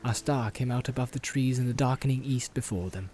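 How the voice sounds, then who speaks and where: A man reading an audiobook aloud, in calm, even scripted narration. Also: mid-range voice, a little fast, slight background noise.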